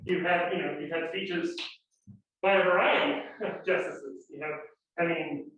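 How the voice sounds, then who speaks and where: A man's voice: fairly high pitch, fairly even intonation, a little slow, fairly bright tone. A man speaking on a panel, rambling with many restarts and hesitations. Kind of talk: panel talk. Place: lecture room. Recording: distant, echoey, dull lecture-room audio.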